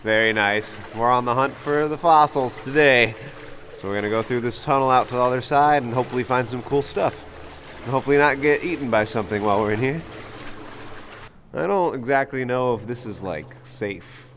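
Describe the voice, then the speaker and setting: A man's voice: mid-range voice, a little fast, a bit bright, a little hiss or hum. A man hosting an outdoor vlog, chatting and laughing as his voice echoes inside a tunnel under a bridge. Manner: upbeat, chatty, laughs often. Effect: echoing tunnel reverb. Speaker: vlog host, fossil hunter. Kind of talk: casual outdoor vlog chat.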